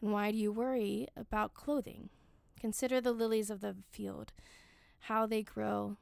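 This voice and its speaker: Woman leading prayers, creaky, dry sound. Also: medium pitch, level tone, darkish tone, no echo. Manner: measured, solemn recitation in short phrases. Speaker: worship leader reading the daily office. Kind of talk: liturgical prayer and scripture reading.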